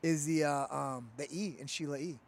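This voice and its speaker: A man's voice: a little high, steady tone, normal speed. A man co-hosting a podcast in casual chat, rambling and joking with lots of fillers. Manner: rambling, jokey, trails off with fillers. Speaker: podcast co-host. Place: hotel lounge by a freeway.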